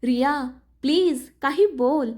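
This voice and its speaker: A woman's voice: high-pitched, slow pace, darkish tone. A woman voicing a frightened, loving young heroine in a spoken storybook, pleading and emotional.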